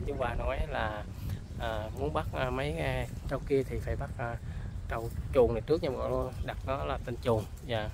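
A man with a gravelly, rough-edged voice and a Southern Vietnamese accent hosts a casual rural vlog. He chats on and on, calling out to his viewers as he films in the open air. A faint wash of outdoor noise sits under his voice. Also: medium pitch, a little fast. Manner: chatty, keeps addressing viewers as folks. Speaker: vlogger. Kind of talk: casual on-location vlog chat. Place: rural outdoors near buffalo and water.

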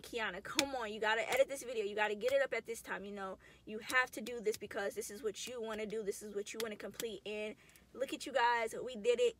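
A woman's voice: fairly high pitch, fairly bright tone, slight background noise. A woman in her mid twenties talking casually to camera in a vlog, chatty, slangy and emotional. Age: 20s. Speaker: vlogger. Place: in a car.

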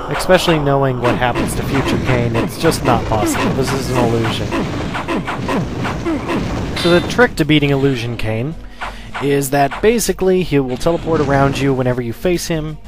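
A man's voice: mid-range voice, moderate pace. A man giving casual, wry, explanatory commentary as he plays a video game. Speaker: let's play host. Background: loud game music.

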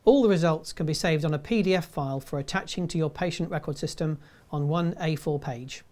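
A man in his fifties presenting a scripted tutorial in a measured, step-by-step way. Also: on the high side, darkish tone. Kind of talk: scripted instructional narration.

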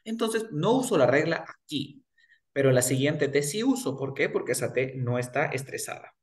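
A young man teaching English pronunciation in a one-on-one lesson, patiently drilling words slowly and repeating them. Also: fairly high pitch, lively intonation.

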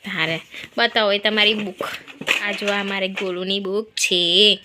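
A woman's voice: mid-range voice, steady tone, a little slow, background noise. A young woman from Gujarat, a mother vlogging at home, talking to her small child and the camera in a playful, teasing, coaxing sing-song way. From Gujarat, India. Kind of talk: casual home vlog chat.

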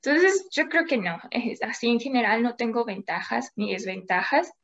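A woman's voice: fairly high pitch, lively intonation, normal speed, a bit bright, muffled recording. A young adult Mexican woman, a climate scientist, talking at length as an interview guest with small laughs in between, over a video call. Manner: thoughtful, explains at length with little laughs. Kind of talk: casual interview chat.

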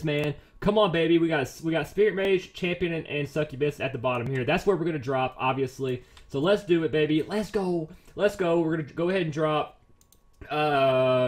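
A man commentating his own game play as a YouTuber, excitable, pleading and quickly exasperated over his luck. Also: fairly high pitch. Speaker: gaming YouTuber.

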